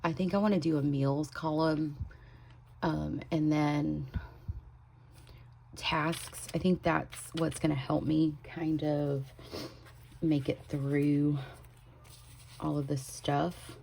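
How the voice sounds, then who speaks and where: Low slow drawling woman, gravelly. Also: flat delivery, slight background noise. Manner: chatty, drifts into soft whispers while working. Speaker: planner vlogger. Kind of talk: casual plan-with-me chat. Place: home desk.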